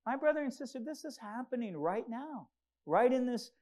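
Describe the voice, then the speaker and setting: A man's voice: very high voice, animated, normal speed, a little mellow. A man who grew up in Congo preaching a sermon, earnest and rising to urgent emphasis. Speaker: pastor.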